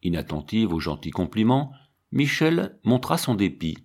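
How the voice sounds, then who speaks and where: A man reading a story aloud as an audiobook narrator, in a measured, expressive way. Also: on the low side, slightly rough. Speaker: audiobook reader. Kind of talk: scripted narration.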